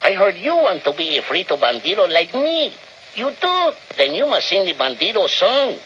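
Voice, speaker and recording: A man's voice: sits high, wildly swooping pitch, moderate pace, slight background noise, exaggerated voice. A man voicing a jolly cartoon bandit with a Mexican Spanish accent who sings an old ad jingle. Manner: sing-song, merges ch into sh. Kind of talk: 1960s ad jingle. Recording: dull old ad over loud music.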